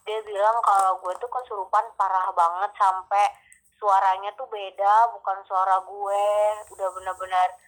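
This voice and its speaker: A young woman recounts a spooky tale in relaxed, casual chat. She talks in loose runs full of fillers, restarts and little asides. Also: medium pitch, normal speed, low-quality recording. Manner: animated storytelling with many fillers. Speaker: storyteller guest.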